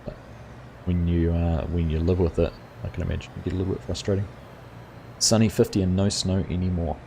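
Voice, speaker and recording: With a low, brisk voice and some vocal fry, a middle-aged New Zealand man hosts a live gaming stream against a little hiss or hum. He chats casually with viewers, reading their comments, relaxed and chatty with plenty of fillers, and responds to each by name.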